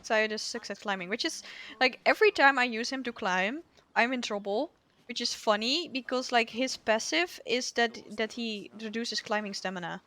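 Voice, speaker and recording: With a bright, forceful voice on the high side, she speaks at a moderate pace. It's a casual game stream: she reads dialogue, rambles, giggles and runs herself down, with game music underneath.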